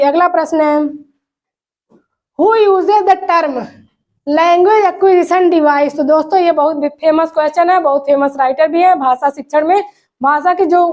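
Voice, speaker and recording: High-voiced woman teaching. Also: darkish tone. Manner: reads questions slowly, explains in Hindi mixed with English. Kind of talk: exam prep lesson.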